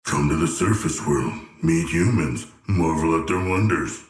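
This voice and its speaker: A man's voice: extremely low pitch, unhurried, echoey room. An actor playing a huge, earnest and naive shark-man royal in a video game, speaking in stilted, formal and solemnly literal language. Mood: curious, formal. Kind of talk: scripted game character voice lines.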